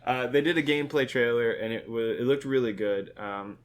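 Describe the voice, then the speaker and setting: A man's voice: mid-range voice, brisk. A man co-hosting a podcast in casual chat, rambling and filling his talk with "um". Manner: rambling, many fillers and restarts. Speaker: podcast co-host.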